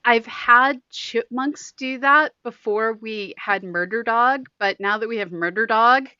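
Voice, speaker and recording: A woman co-hosting a podcast in casual chat, chatty and self-deprecating, heard through tinny, low-quality audio from a makeshift mic. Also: a little slow, bright, forceful tone, clear, resonant tone, no echo. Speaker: podcast co-host, scientist. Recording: dull, dry, tinny home-studio sound.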